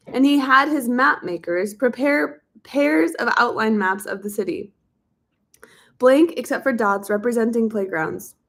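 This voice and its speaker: A woman reading a nonfiction book aloud at a steady pace, sometimes stumbling and repeating words and sometimes stopping for casual asides. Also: fairly high pitch. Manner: reads steadily, now and then slipping and repeating words. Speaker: reader of a book.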